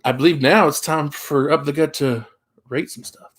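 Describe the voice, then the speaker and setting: A man with a slightly higher voice co-hosts a casual sports chat. He delivers dry, joking asides in an easy conversational tone. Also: moderate pace. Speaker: podcast co-host.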